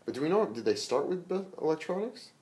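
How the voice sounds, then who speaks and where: A man's voice: a little high, sing-song, fast talker, a little mellow. A young man co-hosting a podcast in casual chat, rambling with frequent restarts and laughing easily. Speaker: podcast co-host.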